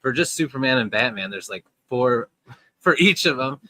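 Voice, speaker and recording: A man's voice: mid-range voice, lively intonation, normal speed, sharp tone. Chatty, rambling man hosting a live chat. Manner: chatty, rambling, laughs often. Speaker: host. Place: storage room next to a furnace.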